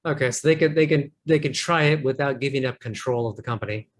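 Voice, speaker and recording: A man hosting an interview, asking questions in a measured, friendly way. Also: medium pitch. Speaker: host.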